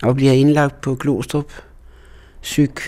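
A man's voice: medium pitch, flat delivery, mellow. A Danish man recalling past events bluntly and emphatically, sometimes swearing. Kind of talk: personal recollection.

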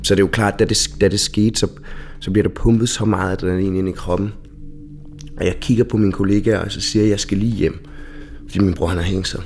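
A man recalling a painful event, halting and often repeating and restarting his phrases. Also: low voice, little pitch movement, a little mellow, soft background music. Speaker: interviewee, bereaved brother. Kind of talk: emotional recollection.

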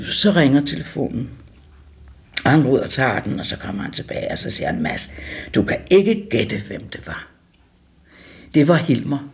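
An older woman reminiscing about her childhood, pausing and correcting herself as she talks. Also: sits low, breathy edge. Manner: halting, correcting herself mid-sentence. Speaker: storyteller recalling childhood. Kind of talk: casual reminiscing.

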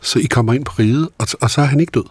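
Male host, husky voice, dry close recording; halting, thoughtful questions. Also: medium pitch, no room sound. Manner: hesitant, many fillers and restarts. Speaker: interviewer host. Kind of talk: conversational interview.

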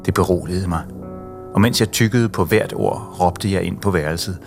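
A man reading a novel excerpt aloud in a measured, expressive way. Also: deep voice, vocal fry, music in the background. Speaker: reader. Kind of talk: literary reading.

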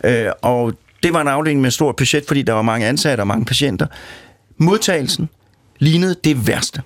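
A man interviewing his guest in a measured, hesitant way with filler sounds. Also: mid-range voice, animated, no echo, studio quality. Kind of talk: casual conversation.

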